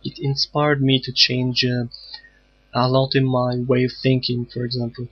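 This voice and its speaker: A young man from Egypt, speaking in a measured, hesitant way as a course participant. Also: mid-range voice, completely flat delivery, slightly rough. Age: young adult. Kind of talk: self-recorded video statement. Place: room at home. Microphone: webcam close up. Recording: slightly dull webcam audio.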